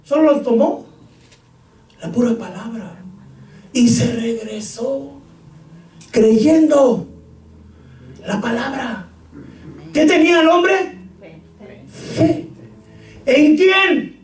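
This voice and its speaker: A male pastor preaching a sermon, shouting scripture and joking with his congregation. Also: extremely high pitch, drawn-out words, long pauses. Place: church hall. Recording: echoey room, far from mic.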